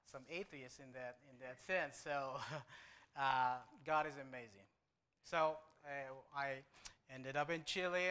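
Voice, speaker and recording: A man with a Moroccan accent, English not his first language, tells his conversion story from a church pulpit. His voice is bright, smooth and fairly high. He stumbles over repeated words and breaks in with small jokes. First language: Arabic. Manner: halting, with frequent repeated starts and light humor. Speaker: guest preacher. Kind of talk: church testimony.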